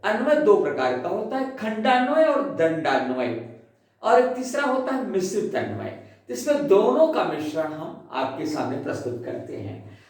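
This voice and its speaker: A man teaching a Sanskrit lesson. He explains patiently, counts syllables aloud, checks that his listeners follow, and chants the verse slowly in a singing tune. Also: high voice, sing-song. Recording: very echoey room, voice from a distance.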